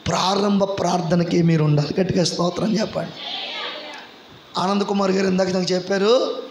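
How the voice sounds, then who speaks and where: A male preacher with a very high voice delivers a fervent sermon. He speaks emphatically, acts out the people in his stories, and keeps calling on the congregation to praise aloud. His voice rings through an echoey church hall over faint background noise. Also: steady tone, fairly quick.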